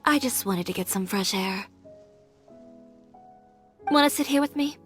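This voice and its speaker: A woman's voice: medium pitch, animated, unhurried, fairly bright tone. Confident young designer lady from a video game, composed n dry, bit of music behind. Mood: calm, reflective. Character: assertive, self-assured young woman fashion designer. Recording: clean studio voice over game music.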